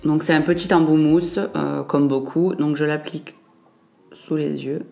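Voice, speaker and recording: A woman's voice: deep voice, fairly even intonation, a little slow, vocal fry, dark tone, faint music behind. A young woman vlogger chatting casually through a makeup review, with frequent fillers and self-corrections. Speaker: beauty vlogger.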